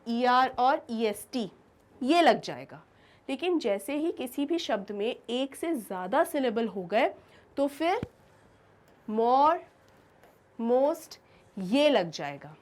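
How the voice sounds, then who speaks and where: A woman's voice: fairly high pitch, darkish tone. A woman teacher giving a grammar lesson, asking her students questions and answering them herself.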